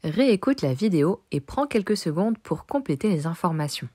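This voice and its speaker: A woman teaches a recorded language lesson, patiently repeating words for the listener. Her voice is lowish but moves a lot in pitch. The recording is close and dry. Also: very animated, moderate pace, mellow, slightly rough, no room sound. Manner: patient, drills words with repetition. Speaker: English teacher.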